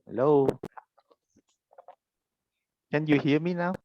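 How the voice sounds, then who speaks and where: A man's voice: a little high, slow. A man joining an online class over a bad internet connection, asking again and again whether the teacher can hear him. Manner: checking repeatedly whether he can be heard. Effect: choppy bad internet call audio. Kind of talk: casual talk on a video call. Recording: dull lo-fi online call, distant from mic.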